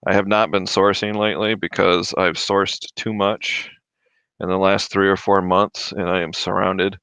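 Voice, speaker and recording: A man's voice: sits low, level tone, normal speed, fairly bright tone, smooth, dry recording, poor audio. A man from Michigan hosting a casual livestream, chatting with viewers and answering their reselling questions while he eats. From Michigan, USA. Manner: chatty, reads viewer comments aloud, chews while talking. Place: his home. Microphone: desk microphone. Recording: dry close mic, drops off when mic moved away.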